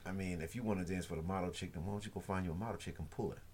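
A man's voice: sits low, fairly even intonation, very fast, a little mellow, a little hiss or hum. A young man co-hosting a podcast, joking and laughing often in casual chat. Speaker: podcast co-host.

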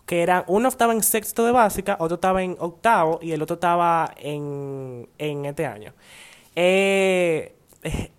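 A young podcast co-host, lively and quick to argue a point. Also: mid-range voice. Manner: lively, argumentative, quick to interject. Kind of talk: casual chat.

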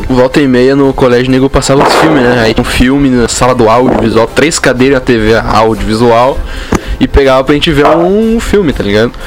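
A man's voice: mid-range voice, a little fast. A man with a Brazilian Portuguese accent chatting casually with friends in heavy slang. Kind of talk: casual chat among friends. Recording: clearly noisy, with clicks.

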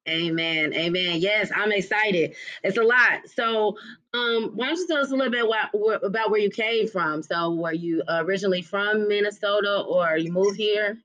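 Upbeat high-voiced male host, muffled. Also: moderate pace, pushed and bright. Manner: encouraging, affirming replies. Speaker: podcast host. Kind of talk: casual interview.

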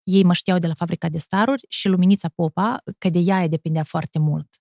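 A woman in her thirties, a TV presenter with a Moldovan Romanian accent, telling stories in a lively way with quick laughs and animated pitch jumps. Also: vocal fry, no room sound, clean studio sound. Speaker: TV presenter, podcast guest. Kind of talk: casual chat.

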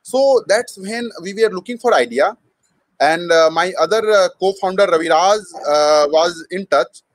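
Indian guy, kinda high voice, chatting about his journey, hesitant, mixes in hindi, pretty dry sound. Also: normal speed, no room sound. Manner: hesitant, frequent mid-sentence Hindi switches. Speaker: startup co-founder, interview guest. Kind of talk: conversational personal storytelling.

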